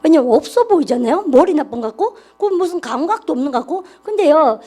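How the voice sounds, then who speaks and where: A woman's voice: high-pitched, expressive, quick pace, mellow. A woman teaching an English grammar class, encouraging students and leading them through call-and-response drills. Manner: encouraging, repetitive, calls herself 쌤. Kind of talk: classroom lecture.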